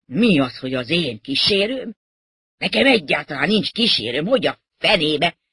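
A reader acting out a pompous, easily flustered general who sounds indignant and put-upon. His voice is husky and leaps around in pitch. It is recorded close and dry. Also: lively intonation, a bit bright, dry recording. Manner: indignant, exasperated.

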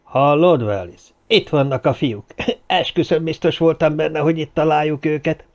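A man doing a jovial, excited grown man. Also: fairly high pitch, pitched above the performer's own voice, close to an everyday voice. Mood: overjoyed. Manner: exclaiming, excited, laughing. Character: jovial booming adult man, overjoyed.

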